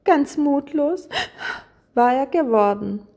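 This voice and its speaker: A woman reading a children's Easter story aloud in a warm, expressive manner. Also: high voice, slow.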